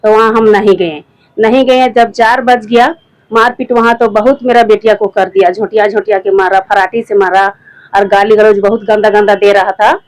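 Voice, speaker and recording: A woman's voice: mid-range voice, steady tone, normal speed, poor audio. A middle-aged woman from Jharkhand with a rural Jharkhand accent, a mother and former village head telling a reporter her account in plain speech, often repeating herself and quoting others. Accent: Jharkhand rural Hindi. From Jharkhand, India.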